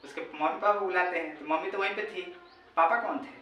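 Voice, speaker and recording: A man's voice: sits high, fast talker, bright, forceful tone. A male teacher, retelling a story to students in a chatty way, repeating himself and checking in with his listeners. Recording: very echoey room, voice far from mic, faint background noise.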